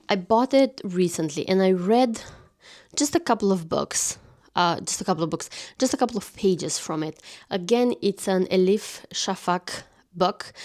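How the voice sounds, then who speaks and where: A woman in her thirties gently chatting about books on a thin stand mic, now and then dropping into a whisper. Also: medium pitch. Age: 30s. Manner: gentle, intimate, dips into whispers. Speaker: channel host. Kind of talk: soft-spoken book chat.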